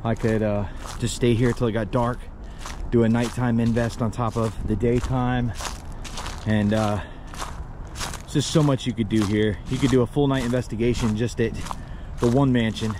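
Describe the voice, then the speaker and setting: This man in his thirties is a paranormal vlogger filming a handheld exploration of an abandoned mansion and its overgrown grounds, moving between indoors and out on a selfie camera. His mid-range voice runs at a moderate pace, and he comes across nervy, jumpy and excitable, swearing often amid noisy surroundings.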